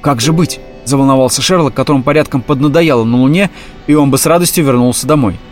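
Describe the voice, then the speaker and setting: A man reading a humorous animal story aloud in a steady, even storytelling voice. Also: medium pitch, rapid-fire, soft background music. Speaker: audiobook reader. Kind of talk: scripted storybook narration.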